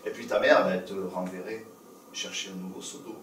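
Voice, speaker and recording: A man's voice: low-pitched, fairly even intonation, a little fast, a bit bright, a little hiss or hum, voice pushed down. A man voicing a coaxing young country girl. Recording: roomy live sound from a distance.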